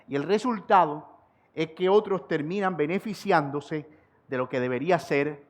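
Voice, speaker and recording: A male pastor delivering an expository sermon in a voice pitched a little high for a man. He slows down to repeat his central point word by word. He presses harder and higher as he fires off rhetorical questions. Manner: repeats key sentences slowly for emphasis.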